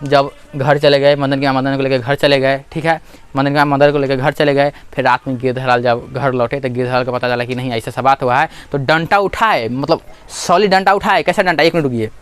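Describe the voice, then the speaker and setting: A man's voice: medium pitch, steady tone, brisk, smooth. A man explaining a school literature chapter as a teacher, asking and answering his own questions over and over.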